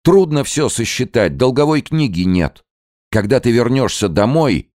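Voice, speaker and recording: A man's voice: mid-range voice, animated, measured pace, a little mellow, no echo, studio quality, pitched above the performer's own voice, close to an everyday voice. A man voicing an old, scheming male trader who pleads and wheedles in a raised voice. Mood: pleading.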